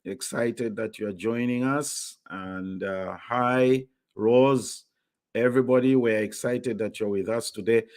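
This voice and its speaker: Man, interview host, upbeat, unhurried welcomes, mid-pitched voice. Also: steady tone, a little mellow. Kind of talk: live online interview.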